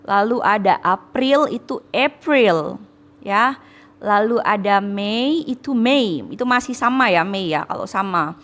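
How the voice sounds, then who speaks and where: A woman's voice: medium pitch, lively intonation, unhurried, fairly bright tone. Indonesian lady teacher going over english words, patient, repeats stuff, little teasing. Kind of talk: classroom lesson, correcting students.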